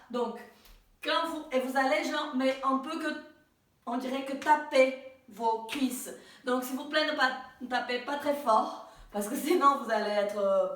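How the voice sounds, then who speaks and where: A woman's voice: fairly high pitch, fairly bright tone. A young woman teaching a dance step, patiently counting out the beats. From Brazil. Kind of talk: dance tutorial. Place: dance studio. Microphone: far camera mic. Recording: echoey room from far off.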